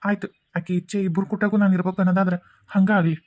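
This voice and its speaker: A woman doing a meek, deep-voiced young husband. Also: level tone, fast, a little mellow, natural voice. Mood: dutiful. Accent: North Karnataka Kannada. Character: soft-spoken young husband, dutiful and meek.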